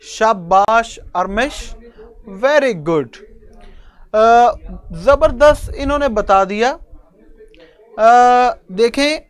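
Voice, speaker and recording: A man's voice: very high-pitched, lively intonation, drawn-out words, long pauses, smooth. A man teaching an English grammar lesson to a class, explaining step by step and addressing his students fondly. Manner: chuckles now and then.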